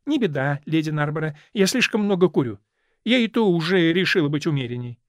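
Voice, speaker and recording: A man's voice: a little high, animated, a little fast, dry recording, clean studio sound, voice pushed up, lightly acted. A man reading aloud and voicing a gracious, mildly curious society lady. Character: polite society lady, confessed heavy smoker.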